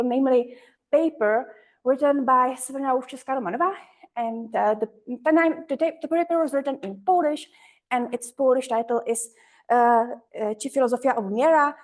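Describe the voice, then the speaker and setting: A woman presenting a paper at an academic conference, hesitant and often correcting herself. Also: high voice.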